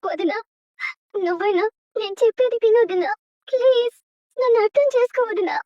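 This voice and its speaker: A woman's voice: extremely high pitch, fairly quick, no echo, highs cut off. An actress playing a tearful young woman begging her family in a TV serial drama. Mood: pleading. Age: young adult. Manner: pleading, tearful.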